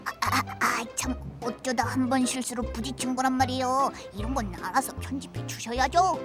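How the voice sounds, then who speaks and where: A woman's voice: high voice, moderate pace, close to an everyday voice. A woman dubbing playful baby lion and tiger cubs in a comic voice-over, talking back sassily. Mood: indignant. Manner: sassy, cartoonish, talks back to the narrator. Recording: music bed underneath.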